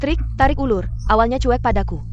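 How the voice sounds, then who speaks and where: A woman's voice: a little high, brisk, darkish tone, lo-fi sound, soft background music, natural voice. A woman dubbing a materialistic young woman who is cloying to her lover and spiteful about her ex. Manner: cloying sweetness, sneering in asides. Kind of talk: dubbed drama acting.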